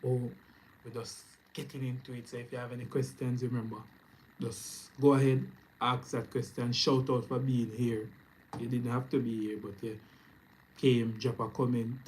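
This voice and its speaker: A Jamaican man talking casually to his camera, his voice at an ordinary middle pitch. He chats loosely and upbeat, piling on greetings and shout-outs. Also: little pitch movement, moderate pace, slight background noise, low-quality recording. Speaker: YouTube trading streamer. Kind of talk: casual live stream chat. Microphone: camera mic, speaking to camera.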